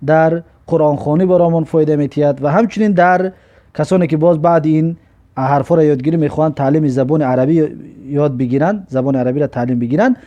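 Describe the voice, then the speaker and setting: Tajik-accented male teacher, high voice, patient and repetitive, sounding out letters one by one. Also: dark tone, lo-fi sound. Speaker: Arabic alphabet teacher. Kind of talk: recorded alphabet lesson.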